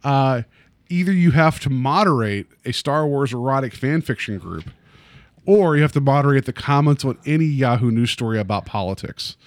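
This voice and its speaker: A male podcast host chatting in an easy, joking way, laughing a lot and tripping over his words now and then. His voice sits at an ordinary pitch. It is recorded close and dry, with no room sound. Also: expressive, moderate pace, no room sound. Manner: joking, laughs often, hesitant restarts. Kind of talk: casual podcast chat.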